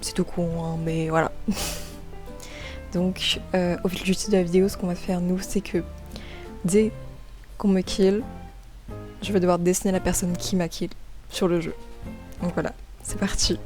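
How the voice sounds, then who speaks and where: A woman giving casual commentary while gaming and drawing, chatty and excitable, often stammering and repeating words, into a desk mic at home. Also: on the low side, a little slow, pauses often, faint music behind. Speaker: gaming and art YouTuber. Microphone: desk microphone.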